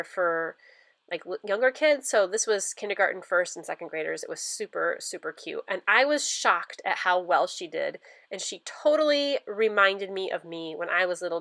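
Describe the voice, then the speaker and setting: A woman's voice: fairly low pitch, fairly bright tone, dry recording. Woman, middle-aged, congested nose, chatty, rambling, dry close sound. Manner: chatty, rambling, lots of fillers. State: stuffy nose from a cold. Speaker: scrapbooking vlogger. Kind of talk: casual voice-over narration of a craft process.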